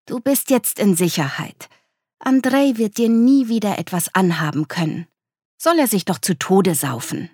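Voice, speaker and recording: A woman doing a calm, comforting friend. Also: medium pitch, unhurried, breathy edge, no room sound, studio quality, pitched above the performer's own voice. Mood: reassuring. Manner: soothing, encouraging.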